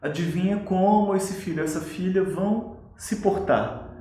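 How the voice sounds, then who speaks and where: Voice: mid-range voice, unhurried, mellow, slight background noise. A co-host on a parenting live stream, adding reflective remarks. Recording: very echoey room.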